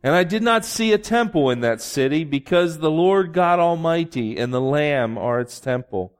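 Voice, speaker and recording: A man preaching as a pastor, reading scripture and speaking to a congregation in a deliberate, pausing way. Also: on the high side, lively intonation, smooth. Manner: slow, deliberate, with long pauses.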